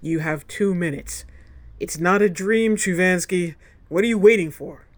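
A woman's voice: on the low side, measured pace, natural voice. A woman playing a cold, commanding figure in a screen drama, with a clipped, authoritative delivery. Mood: firm, controlled. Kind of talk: naturalistic screen drama acting.

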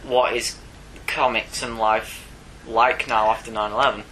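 A man's voice: medium pitch, level tone, measured pace, sharp tone, a little hiss or hum, poor audio. A young man co-hosting a podcast, chatting casually and acting out bits of his stories. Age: teens or young adult. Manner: storytelling, acts out characters in his stories. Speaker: podcast co-host. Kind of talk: casual chat.

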